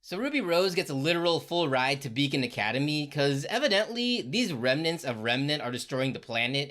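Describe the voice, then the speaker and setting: A woman narrates a comedy recap in a voice that's deep for a woman. Her pitch moves a lot, and her delivery is irreverent, slangy, and sarcastic.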